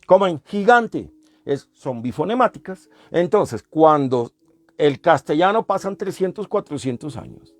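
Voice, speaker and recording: A man lectures a class on language history, explaining step by step, repeating sounds and putting questions to the students. His voice is a little high and very animated, his pace unhurried, with no room sound.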